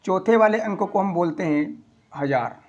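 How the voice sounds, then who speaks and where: Man, maths teacher, high-pitched, slow step-by-step explaining, classroom lesson. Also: lively intonation. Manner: slow, step-by-step counting of place values.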